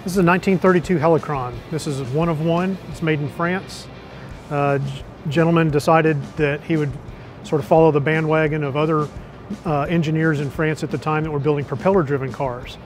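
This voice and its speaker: A middle-aged museum manager explaining an old car, knowledgeable and matter-of-fact, in a large museum hall on a lapel mic. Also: male voice, fairly high pitch, steady tone, fairly quick, soft background music. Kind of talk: explaining to an interviewer.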